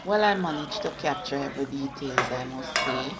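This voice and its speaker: A woman's voice: rumbling low, moderate pace, music in the background. A woman with a Jamaican accent, casually explaining a recipe on her cooking channel and slipping into patois. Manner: chatty, instructive, slips into patois. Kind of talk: casual cooking video narration.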